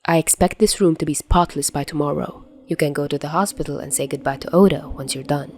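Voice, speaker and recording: A woman's voice: deep voice, quick pace. Woman reading as a cold, controlling guardian man. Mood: coldly calm. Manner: calm, cruel, falsely gentle. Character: cold, controlling middle-aged male guardian. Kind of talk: podfic reading.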